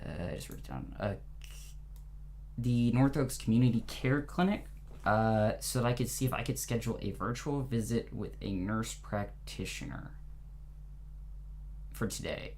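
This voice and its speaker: A man in his twenties speaking hesitantly as a caller, with frequent ums and pauses. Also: mid-range voice, a little mellow. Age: 20s. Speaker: caller booking an appointment. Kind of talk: hesitant phone conversation. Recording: noisy hum on phone call.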